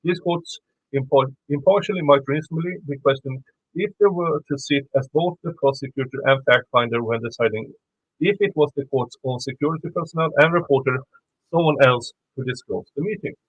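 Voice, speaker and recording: In a husky, medium-pitched voice and at a fairly quick pace, a Swedish YouTube commentator with an accent, not a native English speaker, reads a court filing aloud, stumbling, restarting words, and adding blunt, cursing remarks. The recording is dry and the audio dull.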